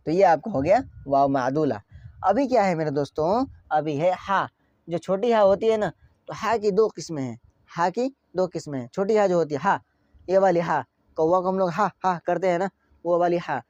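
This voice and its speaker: Man, grammar teacher, repeats his questions, drawn-out examples, dry close sound. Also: sits high, expressive, darkish tone, dry recording, highs cut off. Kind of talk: online grammar lesson.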